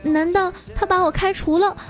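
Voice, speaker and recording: A woman's voice: very high voice, fairly even intonation, normal speed, faint music behind, pitched above the performer's own voice. A woman voicing a cheeky little schoolboy nephew in a whiny, pouting childish voice. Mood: sulky.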